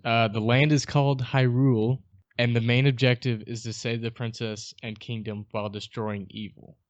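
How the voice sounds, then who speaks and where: A man's voice: mid-range voice, level tone, normal speed, no room sound, muffled recording. A young man co-hosting a podcast in casual chat, laid-back with dry teasing. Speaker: podcast co-host.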